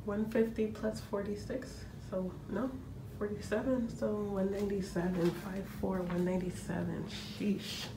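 A young woman vlogs casually into a phone camera held at arm's length in a small indoor room, sounding a little congested as she rambles and pokes fun at herself. Her medium-pitched voice is steady and measured, with a noisy background.

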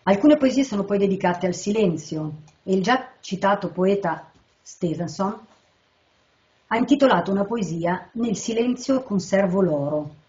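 A woman translator giving a measured literary lecture, reading short poems slowly and carefully between her explanations. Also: medium pitch, animated, a little mellow, highs cut off. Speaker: translator presenting a poet.

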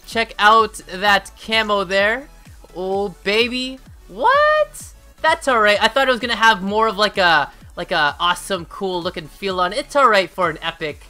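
A man hosting a gaming channel, talking through his loot openings with excitable, hyped commentary that builds up every unlock. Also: sits high, moderate pace, few pauses, faint music behind. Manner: excitable, hypes up each unlock. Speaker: gaming YouTuber.

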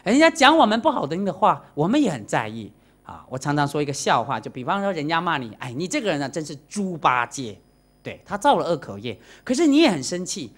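A woman's voice: sits low, fast. A Buddhist nun giving a dharma lecture to a live audience, asking her listeners questions and mixing in the odd English word. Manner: animated, acts out quoted voices and asks the audience questions; mixes in English words.

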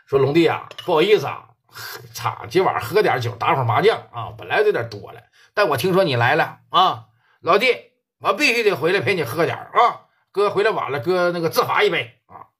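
A generous middle-aged club boss with a Northeastern Mandarin accent greets his friend jovially in a husky voice, as a male storyteller acts him out. His pitch rises and falls with lively warmth. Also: fairly quick, heavily acted. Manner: jovial, back-slapping.

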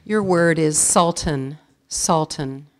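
Woman, low pitched, spelling bee pronouncer, deliberate, repeats each word clearly, school auditorium. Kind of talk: formal word pronouncing and reading definitions.

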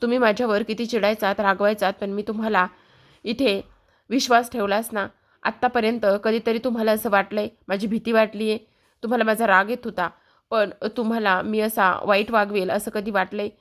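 A woman's voice: mid-range voice, fairly even intonation, a little fast, natural voice. A woman voicing a hurt, angry young husband in a TV serial recap, with reproachful, pressing questions.

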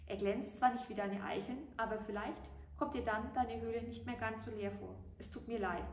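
A woman's voice: fairly high pitch, steady tone, normal speed, natural voice. A woman voicing a small, timid male elf who is eager to help, in an earnest, apologetic storybook manner. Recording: roomy, distant mic, faint hiss.

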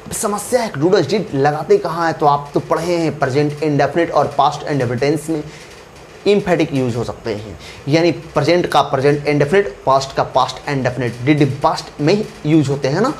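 A man's voice: a little high, a little fast, slight background noise. A man lecturing as an English grammar teacher, mixing Hindi and English, stressing and repeating key terms as he drills his students.

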